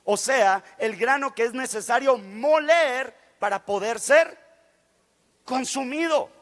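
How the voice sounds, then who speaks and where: A man's voice: very high voice, slow pace, a bit bright, big-room sound. A man preaching a fervent sermon in church, acting out the voices he quotes. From Guatemala. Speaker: guest preacher. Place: church sanctuary.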